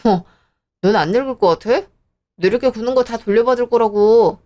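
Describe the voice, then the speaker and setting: A woman's voice: on the high side, a little fast, a little mellow, close to an everyday voice. A woman voicing a defensive, hot-tempered young husband who talks in a sneering, combative way.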